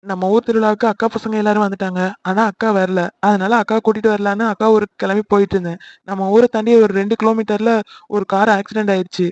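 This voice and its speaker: For a homemade cartoon, a man dubs a worried young man, sounding earnest and pleading while also calm. He speaks fast in a high, lively register that still stays close to an everyday voice. The amateur recording is dry with no echo and a little dull, like a lo-fi home mic.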